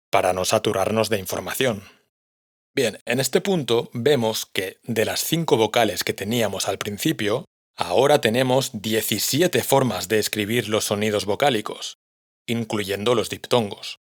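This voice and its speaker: A man, patiently explaining a language lesson to learners. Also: on the low side. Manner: patient, clear explanation, addresses learners directly. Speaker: language teacher.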